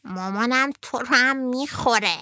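A woman voicing an excited little boy on a train, asking eager childlike questions. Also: a little high, no room sound, studio quality, pitched above the performer's own voice.

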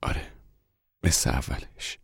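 A man voicing a heartbroken mother who speaks in a hushed, muffled voice. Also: deep voice, fairly even intonation, slightly rough, no room sound, clean studio sound, voice pushed up. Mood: stifled grief. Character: heartbroken young mother, quiet and stifled.

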